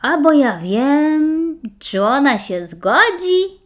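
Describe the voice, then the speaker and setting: A woman voicing a bashful country bachelor in a slightly lower voice. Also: sing-song, very slow, exaggerated voice.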